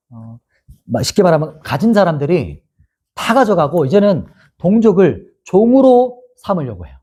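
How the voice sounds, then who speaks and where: A man's voice: fairly high pitch, warm tone. A male pastor teaching a Bible lesson, asking his listeners questions and answering them himself. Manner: asks the audience questions and answers them, acts out quoted mockery.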